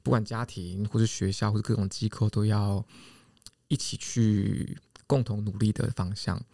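A man's voice: on the low side, steady tone, moderate pace, vocal fry, warm tone, no room sound, clean studio sound. A man co-hosting a podcast, talking reflectively in casual chat and filling gaps with short affirmations.

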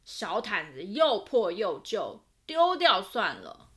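一位女性扮演一位说话直接的父亲，声音略微压低，口气干脆。. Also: female voice, medium pitch, wildly swooping pitch, takes it slowly, fairly bright tone, exaggerated voice. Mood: firm. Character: gruff, blunt father.

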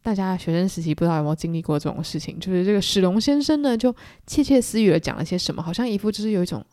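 A young woman with a Taiwanese Mandarin accent chats her way through a story on her solo podcast, her voice slightly low and mellow. She speaks close to the mic in a dry, dead room. She keeps the retelling casual and talky. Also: very fast, no echo. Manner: chatty retelling with animated voices for quotes. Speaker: podcast host.

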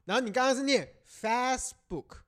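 High, lively man. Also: fast talker. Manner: playful, corrects pronunciation with a laugh. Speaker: podcast co-host. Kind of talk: casual chat.

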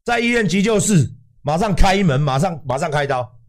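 A man's voice: a little high, expressive, fairly quick. Profane Taiwanese man ranting heatedly. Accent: Taiwanese Mandarin. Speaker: livestream host. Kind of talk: ranting livestream commentary.

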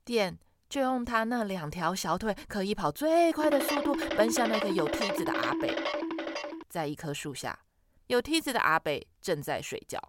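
A woman reading a children's story aloud in an expressive, dramatic way. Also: medium pitch, no room sound, faint music behind. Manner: slow, expressive read-aloud with dramatic pauses.

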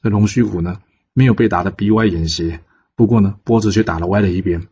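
A man with a Taiwanese Mandarin accent telling a classic tale in a casual, relaxed way, pausing often on filler particles. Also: lowish voice, slightly rough. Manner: relaxed, frequent drawn-out pause particles. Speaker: storyteller. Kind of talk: casual storytelling narration. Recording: dull lo-fi podcast recording.

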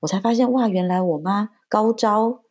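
A woman's voice: mid-range voice, moderate pace, a little mellow. A woman from Taiwan, a mother and podcast guest, telling a family story in casual chat and acting out the voices of her child and herself.

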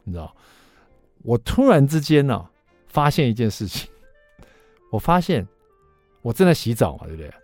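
A middle-aged man, a radio show host telling a funny story about himself in an animated way. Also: medium pitch, moderate pace, long pauses, no echo, soft background music. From Taiwan. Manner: animated, self-mocking anecdote telling. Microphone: studio microphone.

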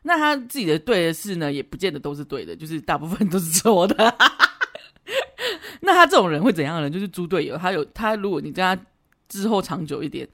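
A woman's voice: fairly low pitch, expressive, quick pace. A woman with a Taiwanese Mandarin accent hosts a podcast, giving casual advice in a chatty, teasing way and laughing often. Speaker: podcast host.

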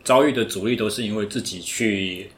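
A man's voice: fairly low pitch, fairly quick. A man hosting a podcast interview, agreeably summing up his guest's points. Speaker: podcast host. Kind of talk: casual interview chat. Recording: roomy echo.

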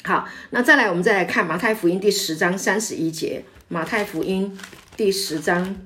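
A woman's voice: medium pitch, normal speed, slight background noise. A middle-aged woman pastor, preaching a sermon in an emphatic way, with many "ah" fillers between phrases. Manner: warm, emphatic preaching with frequent filler sounds.

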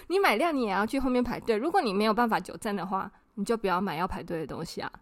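A woman, co-hosting a podcast and telling a story in an indignant, animated way, acting out the people she quotes. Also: medium pitch, very fast, no room sound, studio quality. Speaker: podcast co-host. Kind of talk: casual storytelling chat.

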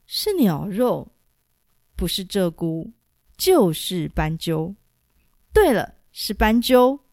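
A woman voicing a jovial old male beggar who loves fine food, talking in a hearty, boisterous way with loud laughs. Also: fairly high pitch, very animated, a little slow, no echo, clean studio sound. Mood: relishing.

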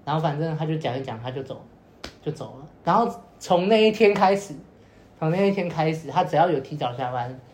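On a podcast, a young man casually tells a long, rambling story full of repeated fillers, acting out what people said. His fairly high, slightly mellow voice is lively in intonation and fairly quick, captured with a roomy echo and faint noise.

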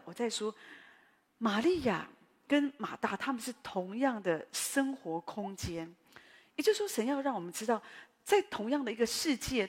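A woman pastor with a Taiwanese Mandarin accent and a medium-pitched voice preaches a sermon in a large hall. Her style is chatty and story-driven, full of animated asides.

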